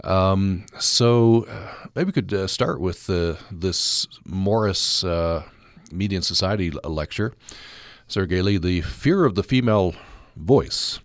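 A man hosting a casual radio interview, speaking in a halting, tentative way with hesitant phrasing. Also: sits low, no room sound, studio quality. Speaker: radio host. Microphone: close studio broadcast microphone.

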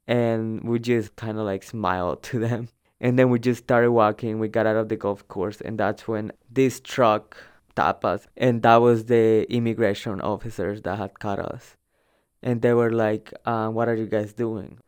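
A young Salvadoran man, a native Spanish speaker, tells the informal story of his own migration in a chatty, somewhat hesitant way. His fairly low voice is clear and smooth, with fairly even intonation and a slightly slow pace, and he often repeats a word for emphasis.

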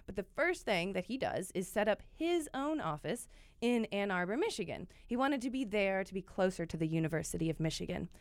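A woman's voice: mid-range voice, expressive, a little fast, dry recording. Upbeat woman podcast host. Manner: upbeat, conversational, with fillers like "like" and "uh". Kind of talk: scripted narration with casual asides.

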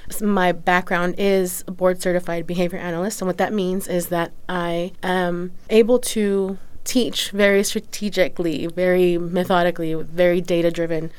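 Woman getting interviewed, explains stuff earnestly and step by step, smooth lowish voice. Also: flat delivery, moderate pace, hardly any pauses. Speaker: nonprofit executive director, interview guest.

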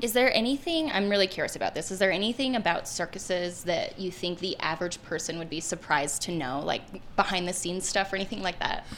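A woman's voice: fairly low pitch, brisk, hardly any pauses, a bit bright, slight background noise. A woman co-hosting a podcast, asking a guest curious, friendly questions with light laughter. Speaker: podcast co-host. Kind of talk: interviewing a guest.

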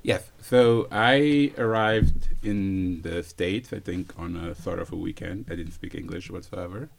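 A man in his thirties from Senegal, answering interview questions in an easygoing way, pausing with fillers and chuckling often. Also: deep voice, creaky. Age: 30s. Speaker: interview guest, physicist.

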